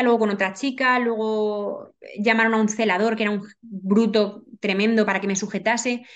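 A woman telling a personal story as a podcast guest, earnest, with many restarts and repetitions. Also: mid-range voice.

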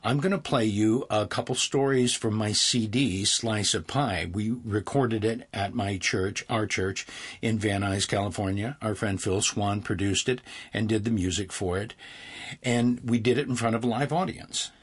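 A man's voice: lowish voice, normal speed, breathy edge. A man hosting his show and telling a story live to an audience, with a wry, playful delivery. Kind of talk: live storytelling and casual intro. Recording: reverberant live church hall.

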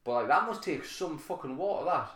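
A man's voice: a little high, expressive, a little fast, fairly bright tone. A man with a north-east English accent, chatting casually and telling stories in a sweary, jokey way. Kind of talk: casual chat. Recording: echoey room.

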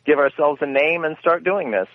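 Heard over a tinny, dry phone line, this man's voice is fairly high and moves at a moderate pace. He's a guest who founded a radio theater, and he wanders through his stories, fixing his own words as he talks.

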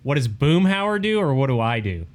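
A man co-hosting a casual chat show, animated and joking, with lots of fillers. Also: mid-range voice, normal speed. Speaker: podcast co-host.

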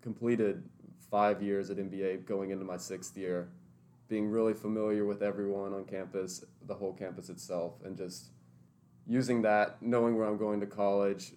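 A man's voice: low voice, creaky, darkish tone, a little hiss or hum. A young man in his twenties from Tennessee, answering interview questions in an earnest, thoughtful way with a few restarts. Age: 20s. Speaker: interview guest, teaching intern.

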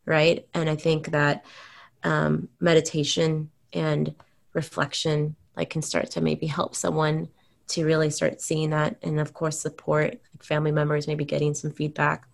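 A woman hosting a casual interview, thoughtful and affirming as she responds to her guest. Her voice sits low and stays fairly even in pitch. It carries a gravelly, creaky texture. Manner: reflective, affirming, softly hedged. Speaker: podcast host.

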